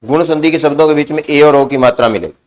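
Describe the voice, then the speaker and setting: A man's voice: fairly high pitch, quick pace. A man with a slightly raised voice teaches a grammar lesson. He poses questions to the class and answers them himself. He repeats each key word so it can be copied down. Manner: repeats key words for dictation.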